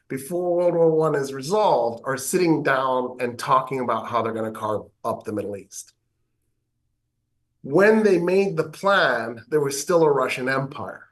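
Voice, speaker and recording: An American man, a government professor, explaining history in an interview with animated delivery and wry asides. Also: fairly high pitch.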